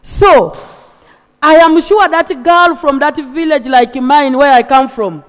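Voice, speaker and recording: A woman's voice: high voice, takes it slowly. Impassioned Ugandan woman in a reverberant chamber. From eastern Uganda. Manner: impassioned, emphatic. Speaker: legislator. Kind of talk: parliamentary speech. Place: large assembly chamber. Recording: long reverb of a large chamber.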